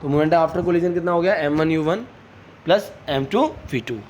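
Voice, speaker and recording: Man, physics teacher, fairly high voice, Hindi-English mix, asks students if they follow, faint background hum. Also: darkish tone, dull audio. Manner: asks students quick check questions, calls them beta. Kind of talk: online physics lesson.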